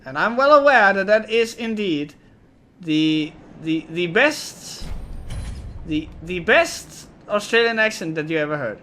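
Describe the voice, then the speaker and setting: A man's voice: sits high, very animated, a little slow, pushed and bright, slight background noise. A man casually commenting on a video game as he plays, rambling, swearing and joking. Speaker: let's play host.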